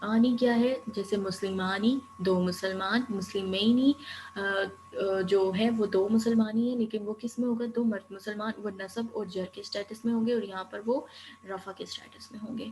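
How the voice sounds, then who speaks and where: A woman with a Pakistani accent teaching grammar in a recorded online lecture. She explains step by step and repeats word endings slowly. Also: medium pitch, steady tone, darkish tone, rough recording. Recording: faint noise and hum.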